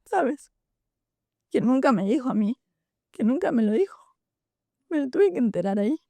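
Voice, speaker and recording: Young woman, halting, confiding, dry close sound. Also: fairly high pitch, big pitch swings, creaky, warm tone, no echo. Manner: halting and confiding, many restarts and "¿sabes?". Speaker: podcast host. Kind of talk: personal storytelling in a podcast conversation.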